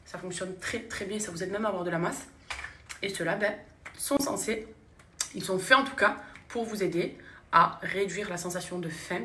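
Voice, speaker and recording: A young woman vlogging in a chatty, enthusiastic way, repeating her points as she talks to her followers. Her voice sits a little low for a woman. A faint hiss of noise runs under the recording. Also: pushed and bright, roomy sound. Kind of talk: casual vlog, product promotion and giveaway.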